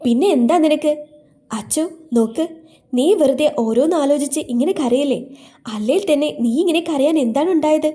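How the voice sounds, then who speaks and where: A woman's voice: high-pitched, normal speed, dark tone, voice pushed up, natural voice. A woman voicing a young woman who scolds and coaxes her tearful best friend. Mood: scolding. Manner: scolding, coaxing.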